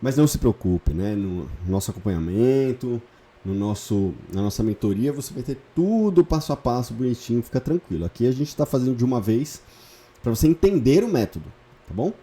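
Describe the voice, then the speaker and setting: A man's voice: mid-range voice, very animated, a little fast, mellow. A man teaching a lesson step by step, patient, repeating key points and checking in often. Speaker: Hebrew teacher. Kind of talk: online lesson, explaining step by step.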